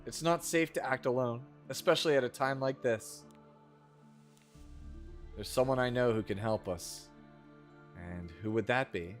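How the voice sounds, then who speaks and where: A man's voice: medium pitch, unhurried, pauses often, voice pushed down, natural voice. A man doing amateurish voice acting as a stern, curt fugitive in fantasy game dialogue, reading it aloud. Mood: guarded, curt. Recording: loud game music behind.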